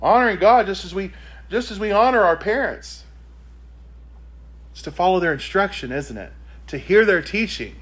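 This male preacher's sermon comes in a high, fairly bright voice that rises and falls sharply, delivered animatedly at normal speed with long pauses. Leaning hard on key words, he keeps questioning the congregation rhetorically, and his scripture reading runs directly into plain exhortation.

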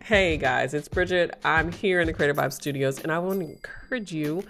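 A woman's voice: sits low, normal speed, fairly bright tone, faint music behind. A woman hosting a motivational talk, speaking directly to listeners in a conversational, emphatic and urging way. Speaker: podcast host and small business coach.

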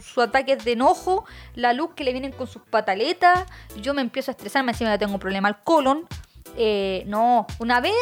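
A woman with a Chilean accent chats casually to her viewers, her high voice skipping from one rambling, self-mocking story to the next. Soft music plays faintly in the background. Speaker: vlogger and mother.

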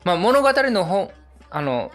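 A man hosting a podcast in London, chatting casually and relaxed with lots of fillers. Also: sits high, a little slow, faint music behind. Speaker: host, izakaya owner persona. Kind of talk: casual chat.

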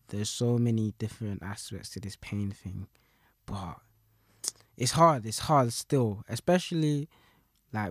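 In a clean, dry studio recording, a young adult man talks about music in a fairly low voice. He uses a London roadman accent, or Multicultural London English, keeping it loose and slangy and often saying things more than once.

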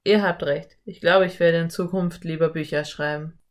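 A woman's voice: on the low side, fairly even intonation, moderate pace, lightly acted. A woman voicing a friendly, laid-back male cowboy in an audiobook. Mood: hearty. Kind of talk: audiobook character voice.

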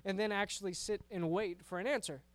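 A man's voice: sits high, fairly even intonation, fairly quick. A man preaching to a youth group in a casual, conversational way, often repeating words and checking in with "right?". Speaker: youth pastor.

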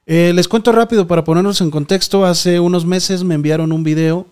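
A man with a Mexican Spanish accent runs a live call-in show, greeting callers briskly and courteously. His voice sits a little high for a man. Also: steady tone, darkish tone, clear, resonant tone. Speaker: host taking calls.

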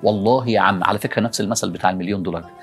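Brief: Egyptian male preacher, quick delivery, animated rhetorical questions, faint music underneath. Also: fairly low pitch. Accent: Egyptian Arabic. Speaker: preacher addressing young people. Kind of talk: motivational religious talk.

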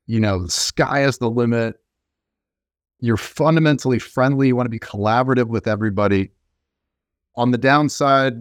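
A male venture investor, heard in a dry, studio-quality recording, answers as an interview guest in a mid-range voice. His replies are conversational, reflective, and explanatory.

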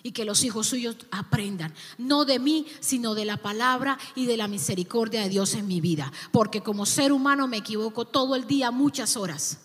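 A woman pastor preaching with fervor, her voice pitched a little high. She stacks emphatic repetitions on top of each other. Her words ring out with the long reverb of a church hall. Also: moderate pace, hardly any pauses, fairly bright tone. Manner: impassioned, building emphatic repetitions. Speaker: youth pastor. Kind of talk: sermon.

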